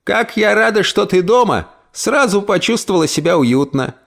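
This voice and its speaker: A man reading aloud, voicing a feisty, sharp-tongued old woman who scolds and exclaims. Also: high-pitched, animated, normal speed, vocal fry, voice pushed up, full character voice. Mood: chatty.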